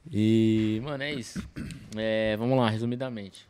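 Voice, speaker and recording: A man, telling his story as a podcast guest in a relaxed, slangy way, recorded on a desk mic in a small studio. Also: on the low side, measured pace, clear, resonant tone. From Campinas, Brazil. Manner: relaxed slangy storytelling, many fillers and self-corrections. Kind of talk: casual storytelling interview. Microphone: desk mic on stand.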